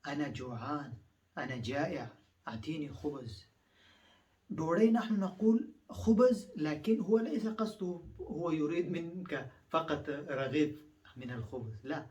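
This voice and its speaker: A man's voice: on the high side, normal speed, a little mellow, recorded from a distance. A man from Afghanistan whose first language is Pashto, teaching phrases in a lesson and repeating each one several times with patient explanations.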